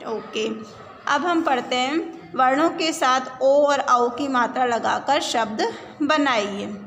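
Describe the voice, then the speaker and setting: A woman leads a reading lesson for young children, pulling each word out slowly and answering her own questions. Her voice sits a little high. The room rings with a long echo over a faint background hum. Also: fairly bright tone. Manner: stretches words syllable by syllable, asks and answers her own questions. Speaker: primary school Hindi teacher. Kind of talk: slow, drawn-out teaching of words to young children.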